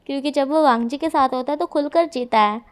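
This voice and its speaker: A woman's voice: high voice, fairly quick. A woman retelling a fan fiction story in a casual, chatty way. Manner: chatty, conversational filler-heavy retelling.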